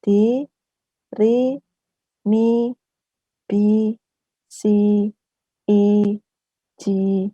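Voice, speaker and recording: Slow, mellow-voiced woman teaching a lesson. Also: mid-range voice, fairly even intonation, no echo, highs cut off. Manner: patient, repeats syllables slowly for learners. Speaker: Korean language teacher. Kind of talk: online language lesson.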